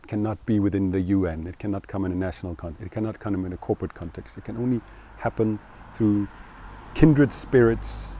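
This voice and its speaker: A middle-aged man, speaking in English, talking earnestly and thoughtfully in an interview and pausing to find his words. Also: fairly low pitch, dark tone, muffled recording, slight background noise. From Denmark. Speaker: co-founder interviewee. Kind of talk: reflective interview talk.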